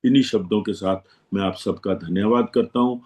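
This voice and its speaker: A man's voice: lowish voice, a little fast, darkish tone. Man giving a motivational talk. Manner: exhortative, repeats slogans. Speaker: guest speaker on insurance and investment. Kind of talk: motivational talk to financial advisors.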